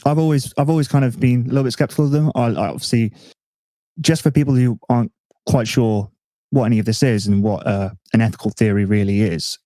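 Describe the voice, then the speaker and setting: Mellow man hosting a podcast. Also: medium pitch, fast talker, no room sound. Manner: relaxed, self-mocking, thinks aloud with restarts. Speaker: podcast host. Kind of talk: casual chat.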